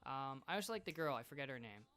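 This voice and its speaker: A streamer reacting live, rambling and excitable, who swears often. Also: female voice, a bass voice, fast talker, clean tone.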